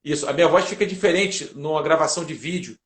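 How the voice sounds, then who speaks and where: A Brazilian man, a lawyer who teaches public speaking, appears as an interview guest and explains things methodically like a teacher, laying out his points as lists. He speaks fast in a fairly bright, higher voice with a Brazilian Portuguese accent, and the sound is roomy and echoing.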